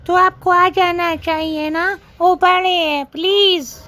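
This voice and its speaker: Brief: actress as earnest young woman, very high voice, begging and persuading. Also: steady tone, bright, forceful tone, no room sound. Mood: pleading. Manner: pleading, persuasive. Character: young woman of the family, pleading and dutiful. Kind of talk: comedy skit acting.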